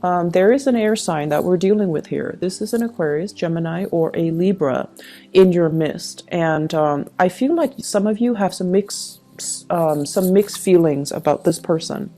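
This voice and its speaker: A channel host reads tarot in a relaxed, conversational way, reflecting aloud and speaking straight to the listener with advice. Her voice is fairly low and dark-toned at a normal speed, with music playing behind her.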